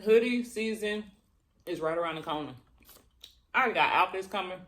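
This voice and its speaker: A woman chatting casually and colloquially to viewers during a mukbang, chewing as she talks and pausing between bites. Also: lowish voice, animated, a bit bright. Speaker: mukbang vlogger. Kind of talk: casual chat to viewers while eating.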